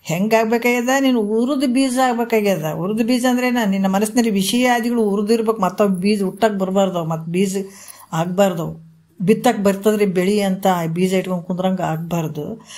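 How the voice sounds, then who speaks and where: A woman delivers a spiritual discourse at a medium pitch. She keeps it earnest and conversational, and she often asks her listeners rhetorical questions as she tells a parable. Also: normal speed, darkish tone. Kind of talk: religious discourse with storytelling.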